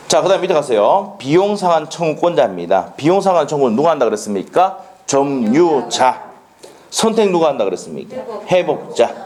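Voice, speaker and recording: A man teaching a law exam prep class in a classroom, animated and drilling students with quick questions. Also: medium pitch. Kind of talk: classroom lecture. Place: lecture classroom.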